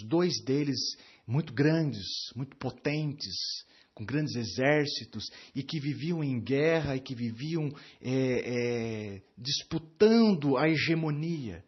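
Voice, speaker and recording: A man's voice: medium pitch, husky, highs cut off. A man with a Brazilian Portuguese accent preaching a sermon, teaching with many fillers and tag questions.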